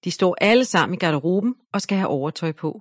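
A woman reading a children's story aloud in a gentle, even narration. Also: fairly low pitch, no room sound, clean studio sound.

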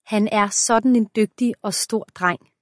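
A woman voicing a fond, doting grandmother who speaks warmly and full of praise. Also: medium pitch, no echo, studio quality, close to an everyday voice. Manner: warm, praising.

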